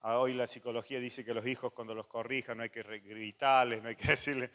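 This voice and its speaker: A man, a pastor preaching a sermon, animated and moving between loud emphasis and soft asides. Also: mid-range voice, fast talker. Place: church hall. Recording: long church reverb.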